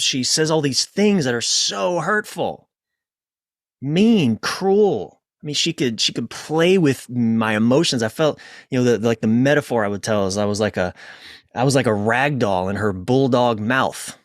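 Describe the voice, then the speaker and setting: Clean studio sound without echo captures a relationship coach on a podcast as he tells personal stories. His mid-range voice is expressive, and his informal, emphatic delivery sometimes halts and includes casual swearing.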